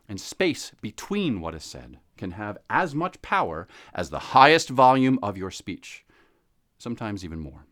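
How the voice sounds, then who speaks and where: A male speaking coach delivering a scripted video lesson. His pitch leaps and dips all over the place as he plays up his points with theatrical flair and a playful laugh. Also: fairly bright tone. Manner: theatrical, swings pitch and volume widely for demonstration.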